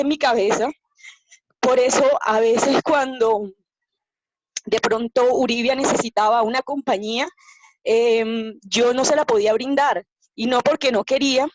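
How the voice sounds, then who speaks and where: Woman, tearful, hesitant, emotional testimony, higher voice, dull lo-fi sound. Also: no room sound. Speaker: family member of a cancer patient. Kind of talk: personal testimony in a panel talk.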